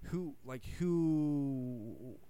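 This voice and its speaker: A young man co-hosting a podcast, talking excitedly and casually, swearing and acting out quotes as he recounts a scene. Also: mid-range voice, extremely slow, clear, resonant tone. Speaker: podcast co-host. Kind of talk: excited casual fan chat.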